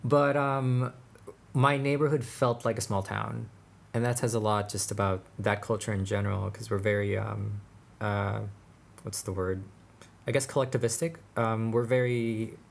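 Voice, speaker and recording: A young man from the Philippines with a low voice and a gravelly edge. He talks casually and hesitantly, with lots of ums and self-corrections, as a guest in a podcast interview.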